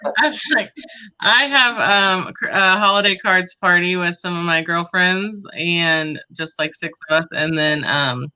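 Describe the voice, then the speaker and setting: Bright-voiced woman chatting with coworkers. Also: lowish voice, unhurried, smooth, dull audio. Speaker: staff member. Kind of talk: casual staff chat.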